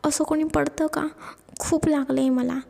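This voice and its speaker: A woman's voice: fairly even intonation, unhurried, vocal fry, warm tone, exaggerated voice. A woman voicing a hurt young woman who cries and complains in a childlike, pleading way. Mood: tearful complaint. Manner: tearful, whiny, high and pleading. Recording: long echo, hall-like reverb.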